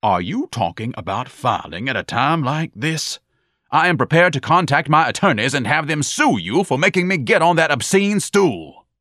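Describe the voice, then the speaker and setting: A man's voice: on the high side, very animated, normal speed, fairly bright tone, dry recording, studio quality, pitched above the performer's own voice. Man putting on a pompous, lecturing blowhard. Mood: indignant, lecturing. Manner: didactic, grandiloquent, self-important. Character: pompous, fussy, overweight grown man.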